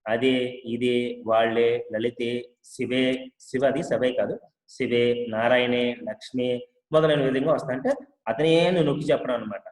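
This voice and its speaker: A man teaching English grammar to Telugu speakers, explaining step by step, repeating each example and reading English sentences out slowly. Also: mid-range voice. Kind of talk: spoken English lesson. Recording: echoey room with long reverb.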